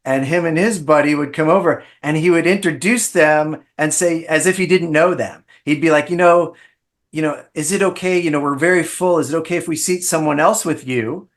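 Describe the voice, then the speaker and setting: A man's voice: fairly high pitch, normal speed. A middle-aged man, a guest on an interview show, telling long family anecdotes in a casual, rambling way with frequent restarts. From Bahamas-born, raised in South Florida. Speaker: podcast guest, ER physician.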